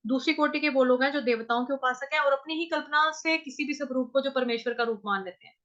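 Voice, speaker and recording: A woman with a North Indian accent teaching Sanskrit verse recitation, drilling each syllable slowly and repeating it several times. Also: sits high, fairly bright tone, muffled recording. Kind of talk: chanting lesson, syllable by syllable.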